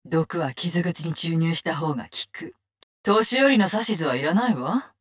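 An actress voices a cold, vengeful assassin who wields poison in a Japanese-dubbed video game, firing off curt, contemptuous commands. Her low-ish female voice is slightly rough, with lively intonation and a measured pace, and the mood is cold and bitter.

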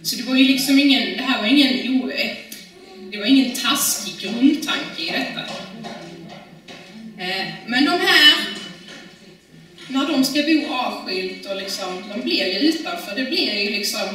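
Woman preacher, fairly high and bright, casual sermon delivery, echoey church sound. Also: animated, long pauses, distant mic, faint music behind. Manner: conversational, with many fillers and restarts.

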